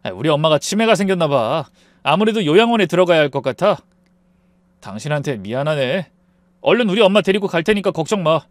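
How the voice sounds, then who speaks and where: A man voicing a falsely gentle husband who turns snarling and threatening in a story narration. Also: medium pitch, big pitch swings, fairly quick, no room sound, lightly acted. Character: smooth-talking abusive husband turned threatening.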